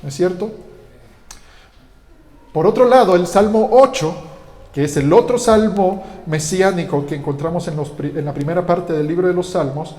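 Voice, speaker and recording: The speaker is a man from Guatemala, a pastor whose sermon in a church hall sounds like conversation, with frequent fillers and restarts. His warm voice sits high and moves at a moderate pace, while the hall echoes with long reverb.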